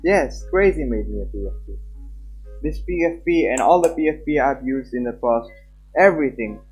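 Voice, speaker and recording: On a game livestream, a young man hosts with a medium-pitched, darkish, slightly breathy voice, expressive and at normal speed. He chats casually, loosely and repetitively, and reads story text aloud over game music captured by a dull lo-fi mic.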